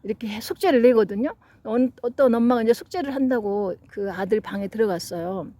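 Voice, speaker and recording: A woman's voice: on the high side, lively intonation, fairly quick, mellow, no room sound. A middle-aged woman giving a psychology lecture, telling stories in an earnest way and acting out what parents and children said. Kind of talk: lecture with anecdotes.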